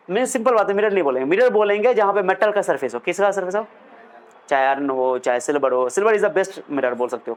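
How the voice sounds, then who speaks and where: A man's voice: high voice, low-quality recording. A young man teaching a physics lesson, who asks questions and answers them himself, with chatty, jokey asides. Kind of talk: classroom lecture.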